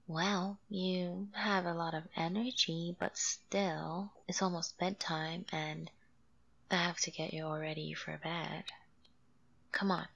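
A woman voicing a doting, coaxing mother figure in an audio roleplay. She speaks softly and drifts into whispers. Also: lowish voice, steady tone, gravelly, dry recording, heavily acted. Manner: slow, soothing, coaxing with soft laughs. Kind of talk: soft-spoken audio roleplay, half whispered. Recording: dull lo-fi recording.

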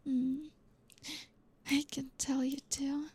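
A young woman whispering softly in an intimate ASMR roleplay, reassuring and coaxing, with frequent low hums. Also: flat delivery, creaky. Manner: soft unvoiced whispering, slow and soothing.

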